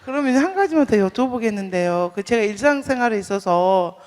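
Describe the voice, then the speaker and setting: A woman, a mother, asking a monk a question from the audience, hesitant and halting, laughing as she talks. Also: fairly high pitch, lively intonation, darkish tone. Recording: reverberant lecture hall.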